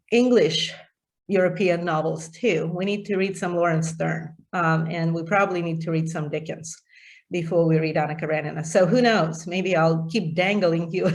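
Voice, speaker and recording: A middle-aged woman leading an informal book discussion, enthusiastic, with many fillers and restarts. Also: on the low side. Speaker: literature discussion leader.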